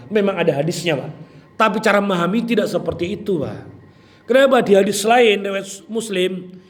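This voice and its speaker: A man preaching a religious study session, lively and joking, often addressing his listeners directly. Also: sits high. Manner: lively, jokey, keeps addressing listeners with "Pak". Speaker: Islamic preacher. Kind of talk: sermon.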